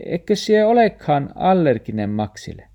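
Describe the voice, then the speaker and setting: A man's voice: a little high, very animated, dark tone, voice pushed up. A man reading a storybook, voicing a timid, sad young pet dog in a small worried voice.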